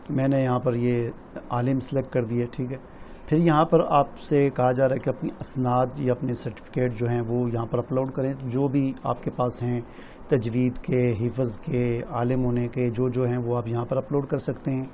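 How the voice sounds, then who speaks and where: Male tutorial narrator, dark mellow voice, patient step-by-step delivery, faint noise behind. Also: medium pitch, level tone. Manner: explains step by step, often adds "theek hai?". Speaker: tutorial presenter. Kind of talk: screen-recorded walkthrough.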